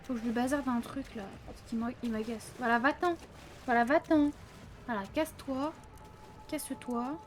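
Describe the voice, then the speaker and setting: With a fairly high-pitched voice at normal speed, a woman chats through let's play commentary at a close desk mic over background noise. She talks directly to viewers, drops "hein" frequently, and gives flustered yelps when stressed.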